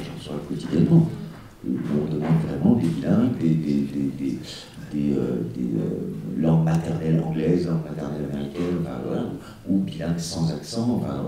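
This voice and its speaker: A very deep-voiced man talking as an agent on a panel, emphatic and stumbling over repeated words. He is heard from afar in a very echoey hall with a crowd audible behind. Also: distant mic. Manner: stammering repetitions, emphatic. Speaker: talent agent. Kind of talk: public panel discussion.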